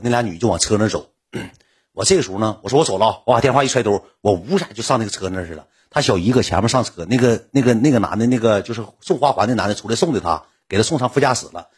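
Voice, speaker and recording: A man with a Northeastern Mandarin accent telling a personal story in casual comic style, animated, acting out the quoted lines. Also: lowish voice, husky.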